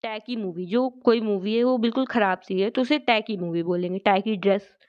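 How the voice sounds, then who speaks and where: Woman teaching vocabulary, clear smooth voice. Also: mid-range voice, muffled recording. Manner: explains each word slowly and step by step, reading English definitions slowly. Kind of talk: exam vocabulary lesson.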